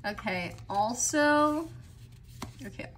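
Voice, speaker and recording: Slow, rambling young woman reading tarot. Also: a little high, lively intonation, heavy background noise. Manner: rambling, heavy with "like" fillers, chatty. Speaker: tarot reader. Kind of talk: casual tarot card reading. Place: indoors at a desk, in a squeaky chair.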